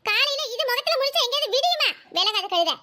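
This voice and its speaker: A woman voicing a loud, scolding middle-aged aunt in a Tamil village cartoon, shrill and given to wailing. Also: big pitch swings, quick pace, full character voice. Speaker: cartoon character.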